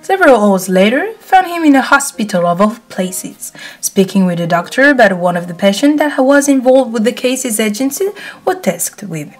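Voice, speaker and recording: A woman reading fanfiction aloud as storybook narration, at a calm, steady pace. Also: on the high side, moderate pace, faint music behind. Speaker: fanfiction reader.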